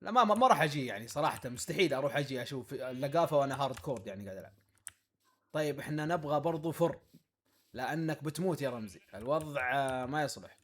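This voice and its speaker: A man's voice: mid-range voice, racing. Playful man talking to himself while gaming. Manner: talks to himself and the animals in the game, playful and excitable. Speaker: gaming YouTuber. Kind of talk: casual let's-play commentary. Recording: faint game music behind.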